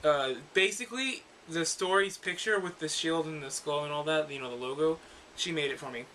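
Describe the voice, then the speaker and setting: Bright-voiced young man, joking reader. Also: a little high, fairly quick, a little hiss or hum. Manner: casual, joking, swears freely. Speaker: author reading his story. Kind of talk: casual chat.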